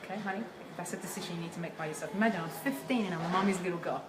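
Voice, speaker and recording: A woman's voice: fairly low pitch, racing. A woman in her thirties from South America, a relationship facilitator telling her story in an earnest, reflective way. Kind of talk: casual conversation. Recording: echoey room with loud ambient noise.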